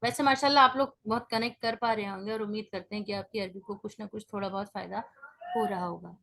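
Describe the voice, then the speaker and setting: A woman's voice: mid-range voice, fairly even intonation, fairly bright tone. A woman teaching a beginners' grammar class online, explaining step by step and often checking in with her students.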